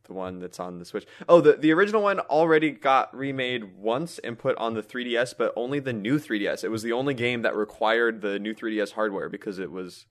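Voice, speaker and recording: A man co-hosting a podcast, talking casually and telling rambling, animated stories. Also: medium pitch, fairly quick, few pauses. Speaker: podcast co-host. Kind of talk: casual chat.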